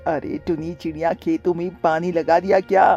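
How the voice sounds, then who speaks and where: A woman voicing a harsh middle-aged stepmother bird in a cartoon, scolding in a lowered voice. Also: steady tone, normal speed, warm tone, dull audio, soft background music, natural voice.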